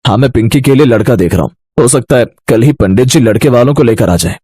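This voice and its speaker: A man's voice: medium pitch, animated, quick pace, mellow, slightly rough. A man playing a stern young husband and elder brother who scolds his quarrelling sisters. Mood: weary. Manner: commanding, exasperated.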